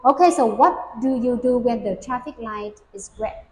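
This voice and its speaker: A woman's voice: on the high side, moderate pace, darkish tone, a little hiss or hum. A woman giving an English speaking test to a young learner. She asks simple questions patiently and models full sentences for the child to repeat. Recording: echoey room.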